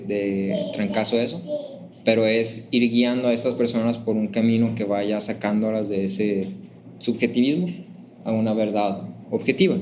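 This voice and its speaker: A man's voice: mid-range voice, slight background noise. Man teaching a church class, conversational. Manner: lively, acts out sample phrases in raised voices; conversational, asks the class questions.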